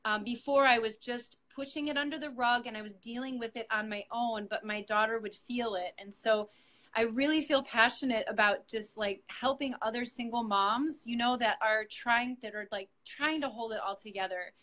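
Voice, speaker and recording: Here a middle-aged yoga teacher gives her coach a sincere, reflective testimonial, often pausing on fillers and starting sentences over. Her pitch sits fairly high, with a slightly bright quality and an ordinary speaking speed.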